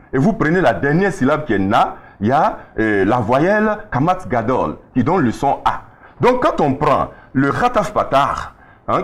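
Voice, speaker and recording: A male preacher teaching a Bible lesson, explaining slowly and often checking that his listeners follow. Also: mid-range voice.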